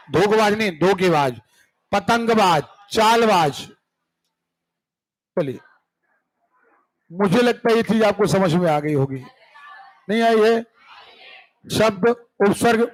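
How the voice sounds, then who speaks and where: Slow, high-voiced male teacher. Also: fairly bright tone, poor audio. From India. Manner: drills word lists, checks understanding with students. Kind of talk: classroom grammar lesson. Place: classroom.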